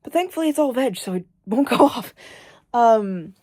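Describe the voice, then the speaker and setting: A woman's voice: fairly high pitch, lively intonation, moderate pace, dark tone, no echo. A young woman chatting casually in a home vlog, rambling and swearing offhandedly as she talks about cooking in her kitchen. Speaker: vlogger. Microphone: camera on a stand nearby.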